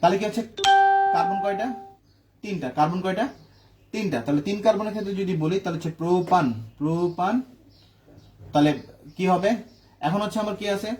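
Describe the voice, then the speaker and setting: A man's voice: high voice, brisk, pauses often, a little mellow, faint music behind. A man teaching chemistry in a classroom lecture, asking questions and answering them himself. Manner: asks questions and answers them himself, checking "ঠিক আছে?".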